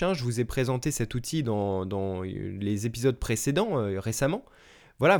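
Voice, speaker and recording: A man's voice: mid-range voice, darkish tone. A French man hosting a language-learning podcast, talking listeners through practice advice in a friendly, explanatory way with frequent fillers and self-corrections. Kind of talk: solo podcast advice talk. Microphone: podcast microphone.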